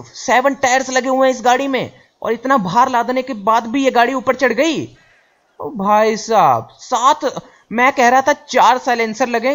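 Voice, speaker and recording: Excitable high-voiced gaming commentator man. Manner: excitable, yells and repeats words when the car climbs. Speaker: gaming YouTuber. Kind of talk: excited live gameplay commentary.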